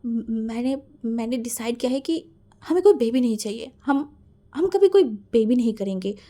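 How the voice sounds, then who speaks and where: A woman voicing a serious, reserved young man who speaks quietly and hesitantly. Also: fairly high pitch, animated, moderate pace, close to an everyday voice. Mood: grave.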